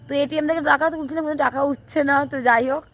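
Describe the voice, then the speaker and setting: Hoarse chatty young woman vlogging. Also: sits high, steady tone, very fast, a bit bright. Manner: chatty, rambling, addresses viewers directly. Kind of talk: casual vlog narration to camera.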